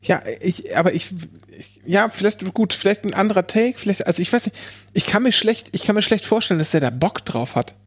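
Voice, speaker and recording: Man, fairly high pitch, casual podcast talk, hesitant, repeated restarts. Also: lively intonation, brisk, few pauses, husky. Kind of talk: casual chat.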